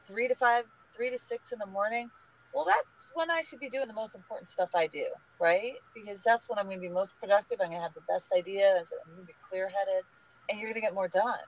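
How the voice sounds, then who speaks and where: Upbeat woman guest handing out advice on a podcast, muffled low-fi audio. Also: a little fast. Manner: energetic, emphatic, advice-giving. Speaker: guest, small business group leader. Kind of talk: casual podcast interview. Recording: dull lo-fi audio.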